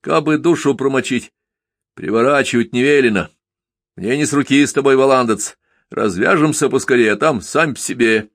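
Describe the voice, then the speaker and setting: A man voicing a gruff peasant carter who grumbles, scolds and shouts in anger. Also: mid-range voice, moderate pace, no echo, studio quality, voice pushed up, lightly acted. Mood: grumbling. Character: gruff bearded peasant carter, suspicious and quick-tempered.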